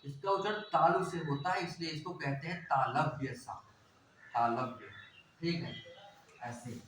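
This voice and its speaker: Man, teacher, high bright voice, quizzes himself as he explains, very echoey classroom, faint room noise. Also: unhurried, distant mic. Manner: explains step by step, asks and answers own questions. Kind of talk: classroom lecture.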